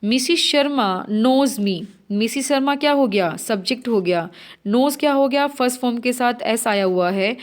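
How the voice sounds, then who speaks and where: Her pitch fairly high, a female teacher works through exam-prep answers by asking and then answering her own questions. English sentences get read out at a slow pace.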